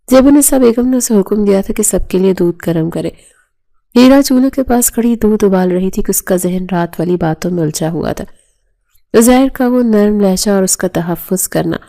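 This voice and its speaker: A woman narrating a romance novel in a steady, even storytelling voice. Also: medium pitch, vocal fry.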